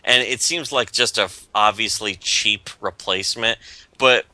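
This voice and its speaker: A man's voice: on the low side, measured pace, bright, forceful tone, no room sound. A man chatting casually as a podcast host, rambling and profane with lots of restarts. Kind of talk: casual chat.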